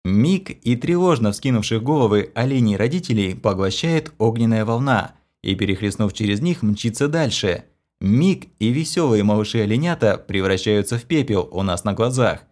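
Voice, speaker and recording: Low-voiced male audiobook narrator. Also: animated, moderate pace, a little mellow. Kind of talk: audiobook narration of a game fantasy novel.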